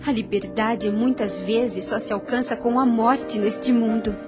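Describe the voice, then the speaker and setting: In a radio drama, an actress with a Brazilian accent plays a compassionate, grave young plantation lady, speaking earnestly and in a measured way. Her voice is a little high and steady, lightly acted, with a grave, persuasive mood and music playing underneath.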